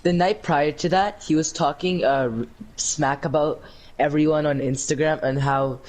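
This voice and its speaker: A teenage boy chiming in as co-host of a storytime vlog, with halting restarts. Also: a little high, steady tone, darkish tone, poor audio. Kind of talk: casual storytime.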